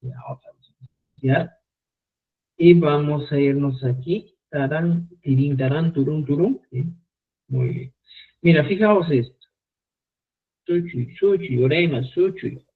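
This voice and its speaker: A man teaching a live online Quechua class, repeating phrases slowly for students. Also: fairly high pitch, slightly rough. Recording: phone-like narrow sound.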